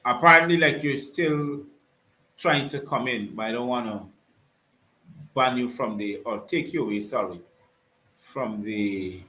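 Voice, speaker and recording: A man hosting a live online call-in talk show, courteous and unhurried, often trailing off and restarting. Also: mid-range voice, sharp tone. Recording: roomy echo.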